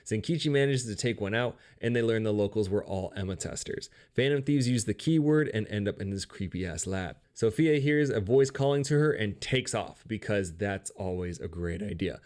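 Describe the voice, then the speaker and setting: A man narrates a video game's story in a loose, comedic recap. His voice sits on the low side. He delivers it with sarcastic, profane wisecracks. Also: expressive, moderate pace, hardly any pauses, darkish tone.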